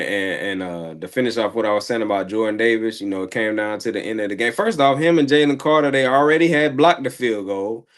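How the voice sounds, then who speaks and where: Rambling, slightly hoarse man talking football. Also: fairly low pitch. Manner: rambling, slangy, repeats words and fillers. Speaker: sports show co-host. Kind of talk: casual football recap chat.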